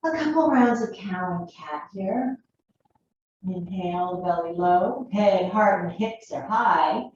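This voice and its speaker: A woman in her thirties guiding a yoga class in a calm, gentle voice, still a little froggy in the morning and clearing her throat now and then. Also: fairly low pitch, slow, slight background noise. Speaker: yoga teacher. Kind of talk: guided yoga class instruction. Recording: dull, echoey room from a distance.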